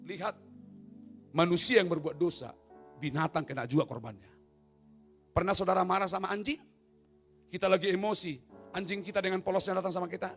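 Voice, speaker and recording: A male pastor preaching a sermon in a church service, swinging from soft, low asides to loud shouted appeals, with teasing jokes along the way. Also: a little fast, pauses often, faint music behind. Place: church hall. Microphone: no mic at times.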